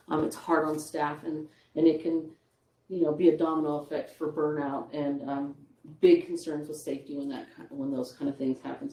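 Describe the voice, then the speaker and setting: Woman, low dark voice, tired, chatty union report, echoey meeting room heard from a distance. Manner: chatty, with small laughs and restarts. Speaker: teachers' union representative. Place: school board meeting room.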